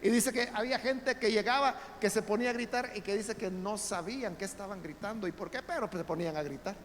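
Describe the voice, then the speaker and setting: A man pastor, giving a conversational Bible study sermon in a church, often calling listeners brothers and building to loud emphatic peaks. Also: high-pitched, fast. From El Salvador. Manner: conversational preaching, addresses listeners as brothers, frequent tag questions. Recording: reverberant church hall, faint background noise.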